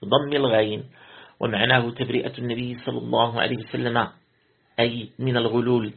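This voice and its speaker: A man, a sheikh, reads a religious commentary aloud as a lesson, in a gravelly voice. He reads steadily, repeating words when he corrects himself. The recording is tinny and lo-fi, like a phone line. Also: medium pitch, flat delivery, a little fast. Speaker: sheikh reading and explaining a commentary.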